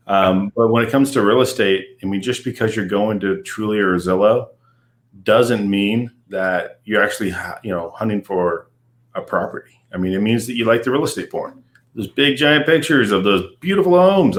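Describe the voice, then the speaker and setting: Low-voiced man explaining. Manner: explanatory, frequent "um" and "you know". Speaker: guest, company CEO. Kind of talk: casual business interview.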